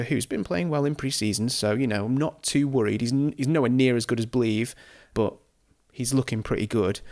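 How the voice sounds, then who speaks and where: A man giving chatty, excitable let's-play commentary over a football management game, reacting loudly to the match. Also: mid-range voice, creaky. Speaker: gaming YouTuber.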